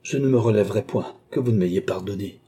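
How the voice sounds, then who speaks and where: Lovesick young man, humble, pleading, read by a man with a husky, warm tone. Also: lowish voice, fairly quick. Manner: pleading, humble, breathless apologies. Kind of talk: audiobook character voice.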